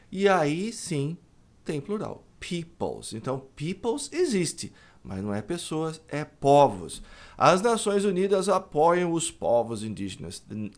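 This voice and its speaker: A man teaching English pronunciation in Portuguese, explaining patiently and modeling words slowly. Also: a little high, darkish tone. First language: Brazilian Portuguese. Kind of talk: online English pronunciation lesson.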